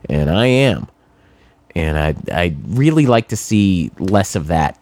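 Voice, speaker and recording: A man's voice: deep voice, very animated, slow, a little mellow, no room sound. A middle-aged man from New England with a cold, talking casually and wryly sarcastic in a rambling monologue with many fillers. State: has a cold, congested.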